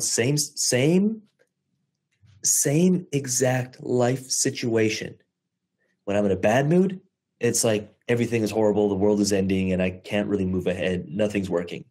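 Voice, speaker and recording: A medium-pitched man in his thirties hosts an investor mindset call, giving investors an animated motivational talk. He swears casually and speeds up or slows down for emphasis.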